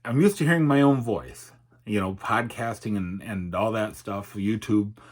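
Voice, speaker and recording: A middle-aged man speaking candidly and hesitantly in an unscripted personal vlog, his articulation slightly altered by a numb face. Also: fairly low pitch. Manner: halting, reflective, hesitant. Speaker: YouTuber and podcaster.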